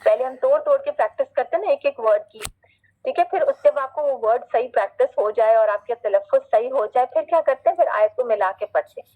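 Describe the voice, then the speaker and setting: Teaching Quran recitation online, a woman with a somewhat high voice explains with patience and keeps checking in with her students, repeating herself often. When she recites, each Arabic word comes out slow and drawn out. The sound has a phone-like quality.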